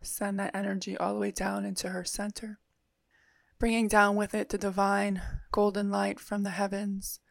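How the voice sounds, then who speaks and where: A woman leading a guided meditation in a soothing, unhurried manner with long pauses. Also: mid-range voice, little pitch movement, vocal fry, no room sound.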